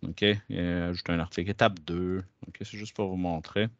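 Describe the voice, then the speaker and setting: Man, Québécois French accent, fairly low voice, dull dry headset sound, chatty software demo. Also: steady tone, moderate pace, no room sound. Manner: chatty, lots of fillers and hesitations. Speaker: educational technology trainer. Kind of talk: screen-share software demo.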